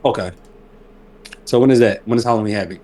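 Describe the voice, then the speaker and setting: Animated man, slangy storyteller. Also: fairly low pitch, fast talker, noisy background. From West Philadelphia. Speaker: podcast co-host. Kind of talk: casual wrestling podcast chat.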